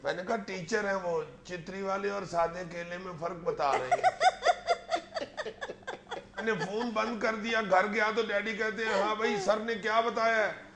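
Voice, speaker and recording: A man's voice: high voice, fairly even intonation, noisy background. A man playing a cheeky young male college student who fibs to his father, telling stories with giggles in a sketch comedy interview. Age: young adult. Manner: giggling, boastful storytelling. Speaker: comic guest. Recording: roomy studio with audience laughter.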